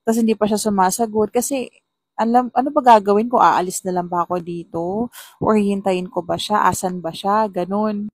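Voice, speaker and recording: A woman's voice: mid-range voice, fairly even intonation, fairly quick, breathy edge, no room sound. Young woman vlogging, chatty storytime, gets all exasperated, dry close sound. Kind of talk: casual storytelling vlog.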